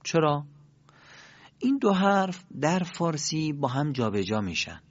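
A man teaching a pronunciation lesson, explaining in a lively, emphatic way with sudden rises in his voice. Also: fairly high pitch, dry recording, muffled recording. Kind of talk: Quran recitation lesson.

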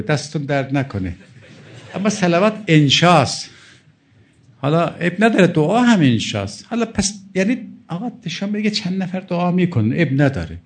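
A middle-aged clergyman's slightly high voice carries vocal fry as he preaches, quoting Arabic passages and explaining them in an emphatic, pleading tone.

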